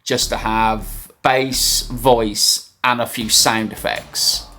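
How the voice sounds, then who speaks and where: A man's voice: fairly low pitch, steady tone, very slow, pushed and bright. A man presenting a scripted album review for his music vlog, enthusiastic and wry in a conversational way.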